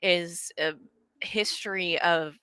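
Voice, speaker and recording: A woman's voice: fairly low pitch, fairly even intonation, slow, pushed and bright, clean tone, no echo. A young adult woman from Ukraine hosting a casual book club discussion, thoughtful and hesitant with many restarts.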